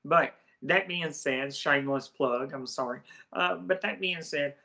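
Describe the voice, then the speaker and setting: A man's voice: fairly high pitch, measured pace, vocal fry, bright, forceful tone. A man with a heavy Southern accent, a YouTuber talking casually to his viewers about phones, rambling and often restarting his phrases. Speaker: tech YouTuber. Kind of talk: casual talk to camera.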